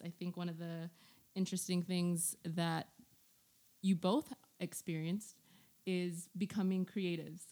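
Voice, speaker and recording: A woman's voice: fairly low pitch, darkish tone. A woman co-hosting a podcast, asking guests questions in an engaged way. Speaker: podcast co-host. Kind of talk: casual interview conversation.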